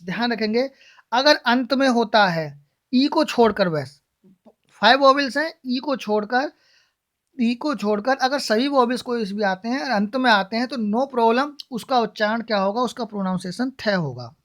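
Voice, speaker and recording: A woman's voice: a little high, lively intonation, moderate pace, a bit bright. Woman teaching English pronunciation. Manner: repeats questions to the class and answers them herself, spells words letter by letter. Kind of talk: classroom-style lesson.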